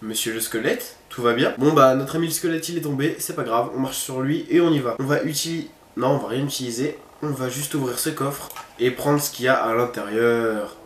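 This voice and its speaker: This gamer's medium-pitched voice runs fairly quickly with hardly any pauses as he hosts a horror game video. He chats informally and thinks out loud for his audience, recorded amid roomy echo and faint background noise.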